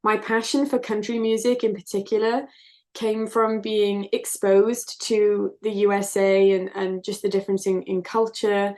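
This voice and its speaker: A woman's voice: medium pitch, little pitch movement, measured pace, a little mellow. Young woman telling her story. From South Wales, UK. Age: 20s. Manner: earnest, open, reflective storytelling. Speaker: guest singer-songwriter. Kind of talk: interview answers.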